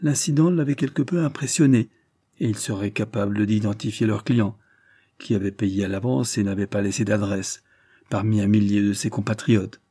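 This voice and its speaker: A man voicing a blind gentleman detective who speaks softly, in a measured and quietly ironic way, in an audiobook reading. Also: lowish voice, steady tone, slightly rough, no room sound. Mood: explaining. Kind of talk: audiobook character voice.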